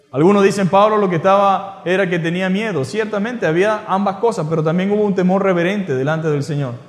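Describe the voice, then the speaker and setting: A Venezuelan pastor preaching with a fairly high voice, pressing his listeners with one rhetorical question after another. His voice rings through an echoey church hall with a long reverb tail. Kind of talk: sermon.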